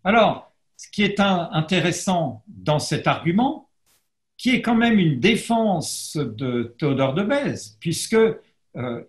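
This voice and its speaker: Facing a camera in a spacious lecture space, a male historian hesitantly reads verse and translates it, often stopping and starting over. He pokes fun at his own Latin pronunciation, in a slightly high voice with reverb.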